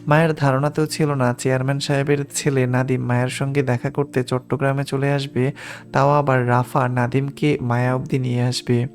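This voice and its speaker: A man narrating an audiobook in a steady, even storytelling manner. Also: medium pitch, moderate pace, soft background music.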